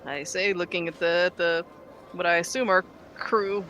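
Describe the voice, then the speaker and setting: A woman's voice: fairly low pitch, steady tone, a little slow, bright, forceful tone, slight background noise. A woman voicing a polite, old-fashioned adventurer in a tabletop role-play. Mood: courteous. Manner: courteous, old-fashioned, hesitant. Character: polite, formal adventurer seeking passage. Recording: music behind.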